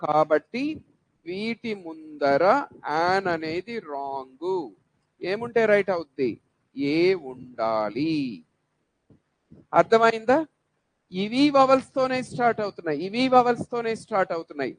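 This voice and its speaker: High-voiced man teaching a lesson. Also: animated, normal speed, no room sound, rough recording. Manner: poses rhetorical questions then answers them; drills words by repeating sounds. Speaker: English teacher. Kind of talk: classroom-style grammar lesson.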